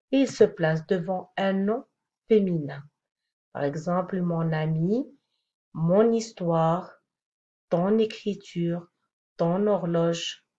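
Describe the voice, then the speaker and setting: A woman teaching a grammar lesson, speaking slowly and deliberately and repeating each example one by one. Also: on the low side, dark tone, highs cut off.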